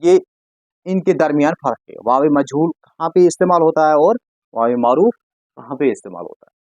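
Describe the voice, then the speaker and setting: A man's voice: on the high side, expressive, a little mellow, no echo, muffled recording. A man teaching an exam-prep language lesson, asking questions and answering them himself, with frequent reminders to remember key points. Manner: slow, patient, repeats key points with "yaad rakhiyega". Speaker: Urdu teacher.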